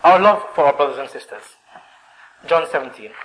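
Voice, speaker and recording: A man preaching a sermon, reading scripture in a slow, drawn-out cadence and swinging between loud exclamations and hushed tones. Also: on the high side, lively intonation, low-quality recording.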